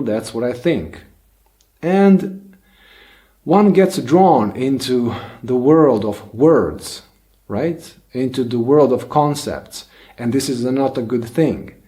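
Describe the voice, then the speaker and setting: Musing aloud on his own channel, this man, whose first language is Bosnian, speaks in an unhurried, thoughtful solo monologue. His mid-range voice is dark and mellow, and he often says "uh" and restarts sentences.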